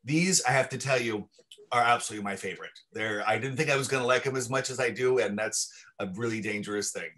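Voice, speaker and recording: A man's voice: mid-range voice, quick pace, pushed and bright. A man who makes chocolates describing his products in an eager, detailed, casual way on a livestream video call. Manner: enthusiastic, descriptive, with frequent restarts. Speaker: chocolatier, guest.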